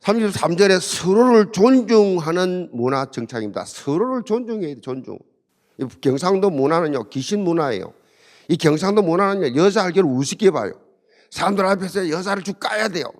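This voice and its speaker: A man's voice: high voice, expressive, a little fast. A middle-aged man, preaching an emphatic, humorous sermon with lots of repetition and call-and-response. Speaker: pastor. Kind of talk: sermon at a marriage seminar. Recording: long hall reverb.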